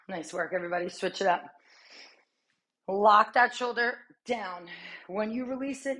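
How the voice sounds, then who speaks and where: A woman's voice: medium pitch, a bit bright. A woman in her thirties coaching a strength workout while exercising, chatty and encouraging, with sighs and short breaths between cues. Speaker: fitness coach.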